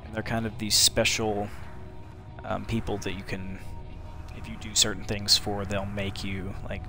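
A man's voice: fairly low pitch, level tone, unhurried. A man with a slight lisp, giving casual, rambling commentary while playing a video game, full of ums and restarts. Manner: rambling and chatty, with many fillers and restarts. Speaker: gameplay commentator. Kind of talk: casual let's-play commentary. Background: game music.

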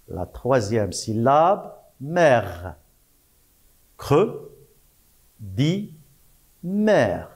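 Man teaching little kids, super slow, sing-songy up and down, says every word twice. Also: mid-range voice, mellow. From Morocco. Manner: spells out syllables slowly, repeats words, praises often. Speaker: primary school teacher. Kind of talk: slow, patient French lesson for young children.

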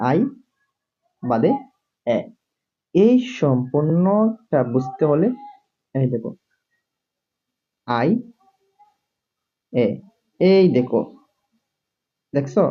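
Speaking very slowly with frequent pauses, a male English teacher runs a lo-fi home lesson in classroom style, repeating every word again and again and checking with "see?" each time. His voice leans high and expressive, and the recording sounds dull.

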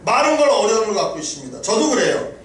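A man's voice: high-pitched, sing-song, fast talker, fairly bright tone. A middle-aged man preaching a sermon as a pastor. He speaks emphatically and rises into quoted prayers. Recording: echoey hall from far off, faint noise.

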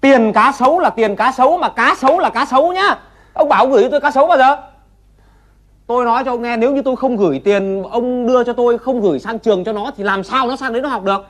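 A smooth-talking crooked agency boss in a TV sketch. He rattles off quick, brash retorts and scolds the other man. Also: very high-pitched, a bit bright. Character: slick shady study-abroad agency director, male.

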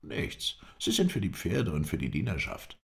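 A man's voice: deep voice, big pitch swings, normal speed, vocal fry, voice pushed up, heavily acted. A man voicing a fawning, eager male house watchman who is keen to please.

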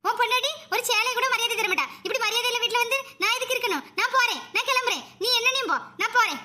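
Brief: woman voicing a proud older sister, high bright voice, indignant. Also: racing, heavily acted. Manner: indignant, wounded scolding.

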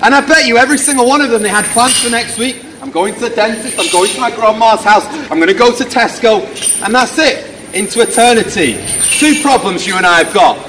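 A middle-aged man from the UK preaching an open-air street sermon, loudly questioning passers-by and gesturing widely. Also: extremely high pitch, brisk. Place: rainy pedestrian shopping street outdoors. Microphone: camera a few metres away, no visible mic. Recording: distant outdoor street recording with noise.

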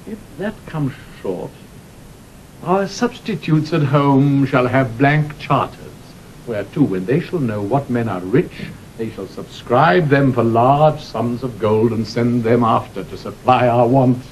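A man's voice: lively intonation, measured pace, close to an everyday voice. An actor playing a haughty, mocking young king in a declamatory, classical Shakespearean audio drama style. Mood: imperious. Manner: declamatory, crisply theatrical, sardonic. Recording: dull vintage 1960 recording, faint rumbling hiss.

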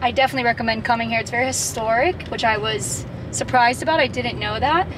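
A woman's voice: a little high, quick pace, background noise. A young woman from South Florida, narrating a casual travel vlog in an upbeat, chatty way. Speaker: travel vlogger.

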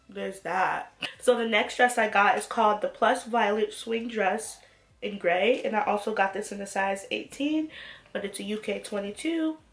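A young woman with a cold films a clothing haul, talking casually to camera and raving about every item, her congestion audible. Her voice leans high and sounds roomy in the small room with a glittery backdrop behind her.

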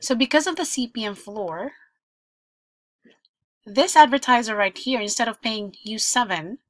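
A woman's voice: on the high side, moderate pace. A woman presenting a screen-share tutorial, talking through each example step by step in an explanatory way.

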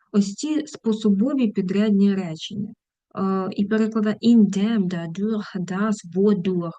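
A woman teacher giving an online grammar lesson. She explains each point, checks with the class whether they understood, and slows down to read example sentences. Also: medium pitch, mellow, no room sound, highs cut off. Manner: explains, then asks the class "got it?". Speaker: German teacher. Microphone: video call.

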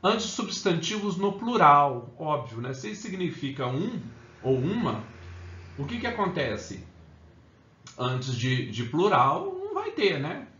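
Brazilian male teacher, slightly high voice, chatty, roomy lo-fi recording. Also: wildly swooping pitch, takes it slowly, sharp tone. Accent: Brazilian Portuguese. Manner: chatty, keeps checking in with the class. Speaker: English teacher. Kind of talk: casual online lesson. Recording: roomy, dull lo-fi sound.

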